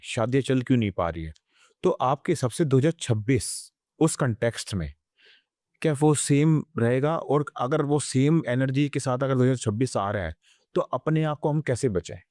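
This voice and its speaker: A man's voice: medium pitch, darkish tone, no echo, clean studio sound. A man hosting a podcast interview, asking long questions and often giving short agreeing replies.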